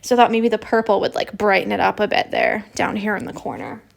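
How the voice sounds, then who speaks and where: A woman teaches an embroidery stitch in a casual, chatty livestream, filling her sentences with "like." Her medium-pitched voice is steady, quick and creaky.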